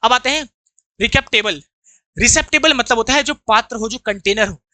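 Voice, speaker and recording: A man's voice: extremely high pitch, a little fast, pushed and bright, no echo. A man from India teaching English vocabulary in an online lesson, explaining each word and asking students to repeat after him, with an Indian accent.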